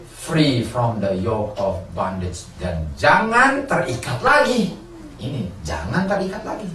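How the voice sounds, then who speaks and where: A man's voice: mid-range voice, a bit bright, slight background noise. A man preaching a sermon, asking his congregation questions and answering them himself. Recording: roomy, from a distance, faint ambience.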